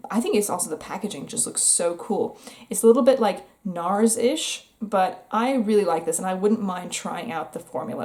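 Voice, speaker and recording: A woman's voice: medium pitch, darkish tone. A young American woman chatting casually and candidly about new makeup releases, with wry asides. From United States. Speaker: beauty vlogger. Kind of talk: casual makeup review chat.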